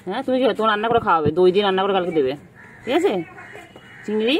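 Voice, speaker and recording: A woman's voice: mid-range voice, expressive, racing, background noise. A woman talking baby talk to her pet cat at home, cooing and repeating pet names.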